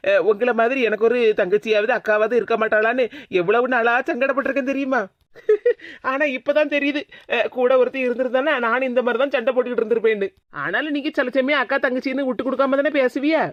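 A woman as a calm, soothing cartoon aunt. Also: fairly high pitch, fast, no room sound, muffled recording, lightly acted. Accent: Tirunelveli Tamil. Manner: soothing, laughs easily. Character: kindly aunt, calm peacemaker. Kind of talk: cartoon voice acting.

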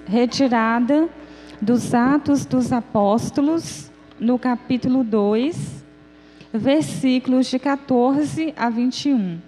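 A young woman with a Northeastern Brazilian accent, preaching at a small church's prayer group and reading scripture in a slow, gentle, inviting way. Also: high voice. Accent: Brazilian Portuguese, Northeastern. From Bahia, Brazil. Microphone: mic on a stand at the lectern. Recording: reverberant church hall.

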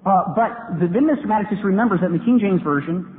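A man's voice: sits high, expressive, quick pace. A man giving an earnest debate speech to a live audience in a large hall, building to emphatic points. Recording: tinny lo-fi hall recording with hiss.

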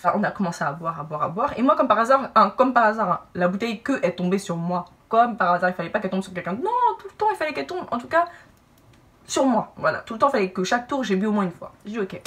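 Young woman, quick casual storytelling, animated, slightly distant mic in a room. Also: medium pitch. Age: young adult. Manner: animated, lively asides and acted-out quotes. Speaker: YouTuber telling a personal story. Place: indoor room, brick wall behind.

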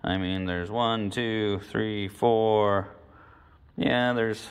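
A mechanic casually walks through a carburetor rebuild at an indoor garage workbench, using folksy slang while he thinks out loud. He has a lowish, steady voice and talks very slowly, and a long reverb tail trails his words.

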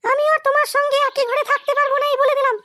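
Woman playing a shrill scolding cartoon wife, very high, flat, fast, loud music behind. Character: angry nagging young wife.

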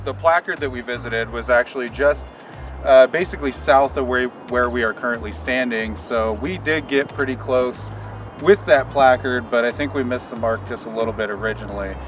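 A man's voice: mid-range voice, moderate pace. Man, exploration vlog co-host, rambling and thoughtful, recorded outdoors at a distance over background music. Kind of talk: casual on-location explaining. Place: outdoors on a residential street.

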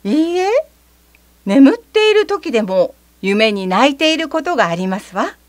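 A woman narrating a children's story gently and expressively, with a slightly theatrical touch. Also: high voice, big pitch swings, normal speed, no room sound. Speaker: reader.

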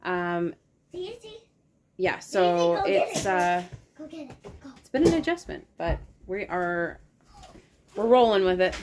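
A woman's voice: on the low side, sing-song, slow, long pauses, noisy background. Chatty mother rambling through a haul. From Canada. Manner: chatty, rambling with many ums, asides to kids. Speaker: vlogger. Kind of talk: casual grocery haul vlog. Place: home kitchen indoors. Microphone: phone camera held close.

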